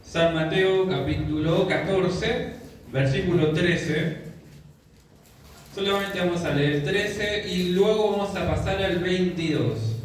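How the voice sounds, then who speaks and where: Male preacher, high pitch, far-off mic in a very echoey church hall. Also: a little hiss or hum. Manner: measured, repeats passages and directions for the congregation. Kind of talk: sermon with scripture reading.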